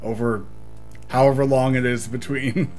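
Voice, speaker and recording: Man narrating his own playthrough, mid-pitched, chatty, soft game music under him. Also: steady tone, normal speed. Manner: chatty, talks to himself, laughs often. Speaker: let's play gamer. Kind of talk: casual gameplay commentary.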